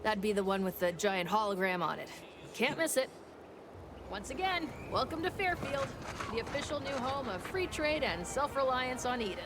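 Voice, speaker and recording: A woman playing a brisk, wry trooper in a video game, greeting newcomers with sardonic official patter. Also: fairly high pitch, sing-song, noisy background. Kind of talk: scripted video game dialogue. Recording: music behind the voice.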